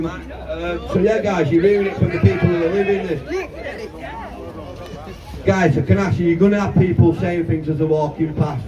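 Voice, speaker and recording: A man organising a street protest, giving friendly safety instructions to the crowd and introducing speakers. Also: on the high side. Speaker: rally organiser and compere. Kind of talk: outdoor crowd announcements. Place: outdoors on a street. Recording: distant, muffled audio with crowd.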